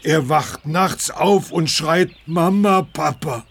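Earnest, gentle animal caretaker; unhurried pace. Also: male voice, on the high side, slightly rough, exaggerated voice. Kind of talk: children's audio drama acting.

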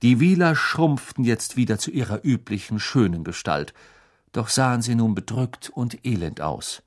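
Male audiobook narrator, animated, lively pitch, expressive telling. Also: normal speed. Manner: expressive storytelling. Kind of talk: scripted narration.

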